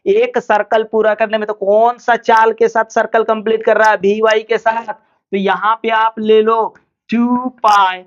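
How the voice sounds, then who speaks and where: A man's voice: sits high, level tone, a little slow, clear, resonant tone, highs cut off. A male physics teacher giving a classroom lecture, asking students questions and answering them himself. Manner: calls students "bhaiya" and "dear children".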